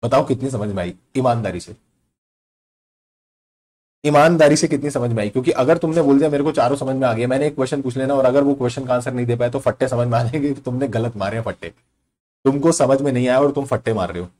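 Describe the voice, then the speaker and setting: A man's voice: mid-range voice, quick pace, a little mellow. A young man giving a live online law lecture, mixing in English terms and quizzing his students in a chatty, teasing way. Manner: quizzing students, conversational Hindi mixed with English.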